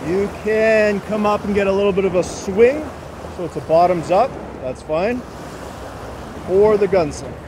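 On a sandy beach right by the water, a male aerobics instructor with a high-pitched voice runs a workout, firing off quick commands, counts and encouragement. Wind and crashing surf fill the noisy outdoor recording.

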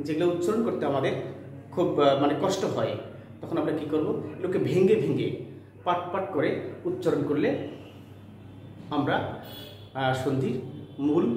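A man's voice: on the high side, a little mellow. Guy teaching grammar, says key bits over and over, far from the mic, faint hiss. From Bangladesh. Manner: repeats key phrases slowly, many fillers. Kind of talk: recorded grammar lesson. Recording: echoey room from far off, faint noise.

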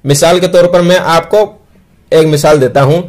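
A man's voice: a little high, steady tone, a little mellow. A man teaching how to read the Quran, patiently repeating each rule and spelling out syllables one by one. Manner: draws out sounds slowly while spelling letters. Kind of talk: slow spelled-out recitation lesson.

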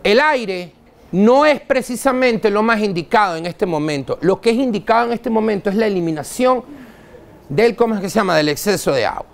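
In a university lecture hall, a Venezuelan-accented man delivers a dental lecture live, quizzing his listeners in a blunt, slangy way. His voice is high with lively intonation and some vocal fry, and he talks a little fast.

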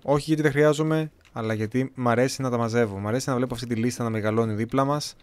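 A young man from Greece giving casual, chatty gameplay commentary, talking to viewers with a slightly hoarse voice. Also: medium pitch, fairly even intonation, no room sound. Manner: chatty, talks to viewers, jokey self-talk. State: voice a bit hoarse, clearing throat.

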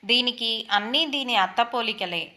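A woman's voice: on the high side, a little slow, sharp tone. A woman voicing a nosy, insistent old village grandmother in a storybook reading. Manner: questioning, insistent.

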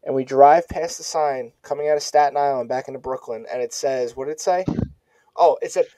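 A man's voice: mid-range voice, fairly quick, dark tone, no echo. A young man hosting a podcast, chatting casually and slangily with his friends. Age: young adult. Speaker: podcast host. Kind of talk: casual chat among friends.

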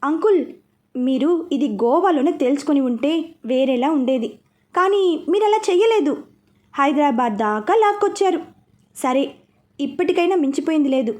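A woman's voice: high-pitched, lively intonation, moderate pace, pauses often, a little mellow. A woman reading a romance novel aloud, narrating it and speaking every character's lines herself. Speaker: storyteller. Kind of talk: audiobook narration.

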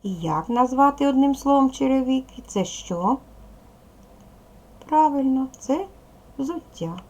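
A woman teaching a video language lesson to young children, patient and slow, asking questions and waiting for answers. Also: sits high, animated, darkish tone. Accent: Ukrainian. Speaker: primary school teacher.

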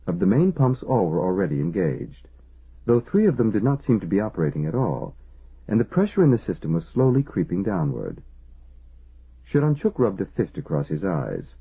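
A man reading an audiobook as narrator, in measured, lively storytelling. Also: sits low, breathy edge. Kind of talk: scripted narration. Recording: tinny phone-like band.

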